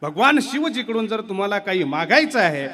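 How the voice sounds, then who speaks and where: Animated man preaching kirtan. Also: high voice, fairly quick. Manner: animated, acts out characters in a story. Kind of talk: devotional kirtan sermon with storytelling.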